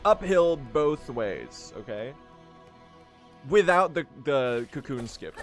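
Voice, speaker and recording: Young male streamer from Sweden, jokey running chat over gameplay, animated delivery. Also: mid-range voice, takes it slowly, faint music behind. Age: young adult. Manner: joking, talks to chat while playing. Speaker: speedrunning streamer. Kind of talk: casual live-stream chat.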